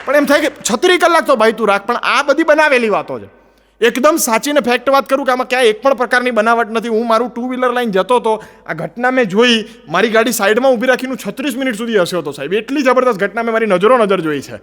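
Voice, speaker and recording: A man with a Gujarati accent doing animated stand-up storytelling, acting out the people in his jokes. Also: very high voice, fast, in a large hall. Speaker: stand-up comedian.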